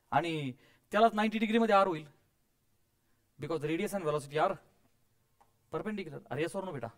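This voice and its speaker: A man teaching physics to a classroom of students, coaxing and quizzing them, mixing English terms in and adding playful sound effects. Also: high voice.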